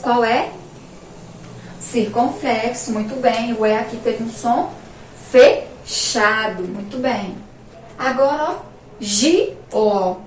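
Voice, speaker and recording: A Brazilian woman teacher giving a remote lesson to young children, drawing out each word slowly as she pronounces it. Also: on the high side, darkish tone, a little hiss or hum. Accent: Brazilian Portuguese. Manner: slow, drawn-out pronunciation of words for children. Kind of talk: remote primary-school lesson. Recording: echoey room, voice from a distance.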